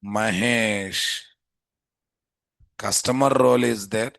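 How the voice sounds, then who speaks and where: A man with a Telugu Indian accent teaching a live software class, informally thinking aloud and repeatedly putting questions to students. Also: lowish voice, fairly even intonation, takes it slowly, gravelly, no room sound, clean studio sound. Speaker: programming instructor.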